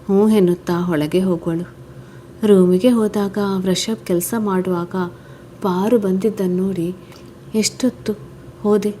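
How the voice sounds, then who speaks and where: A woman storyteller narrating a scripted family story in a steady, plain manner. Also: lowish voice, measured pace, slight background noise.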